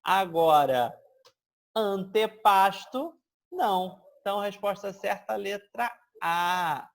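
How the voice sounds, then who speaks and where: A man's voice: sits high, measured pace. Man teaching an emphatic grammar lesson. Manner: explanatory, constantly checking in with listeners; emphatic, drawing out example words for demonstration. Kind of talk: exam-prep grammar lesson.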